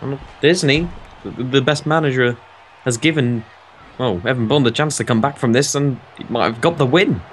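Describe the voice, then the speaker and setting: A man's voice: mid-range voice, moderate pace, slight background noise. Teasing male wrestling co-commentator. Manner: teasing, chuckling banter. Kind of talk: casual color commentary.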